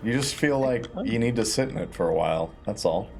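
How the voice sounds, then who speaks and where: A man's voice: mid-range voice, lively intonation, brisk, creaky, soft background music. A man acting as game master, narrating a tabletop role-playing game in a casual, informal, sweary way.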